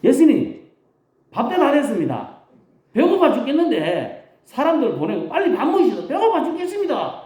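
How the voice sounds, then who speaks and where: A man's voice: extremely high pitch, wildly swooping pitch, moderate pace, mellow, echoey room, pitched above the performer's own voice, exaggerated voice. A man with a Gyeongsang accent voicing hungry, complaining male disciples in a folksy, exaggerated way. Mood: pleading.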